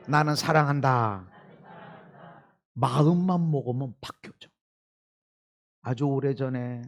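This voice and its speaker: A male pastor preaches in a church, his voice riding high and swinging widely in pitch. He drops to near whispers and then climbs back to loud, emphatic bursts. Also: husky. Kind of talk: sermon. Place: church sanctuary.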